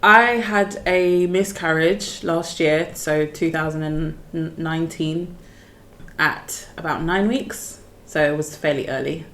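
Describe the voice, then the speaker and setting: A woman's voice: sits low, slow pace, fairly bright tone. A woman raised in London and Grenada speaking plainly and matter-of-factly as a podcast co-host. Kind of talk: podcast discussion.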